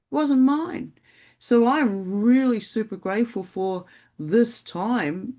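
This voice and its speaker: A podcast co-host rambles casually and reflectively through a spiritual chat, using lots of fillers. The voice sits at medium pitch with a darkish tone.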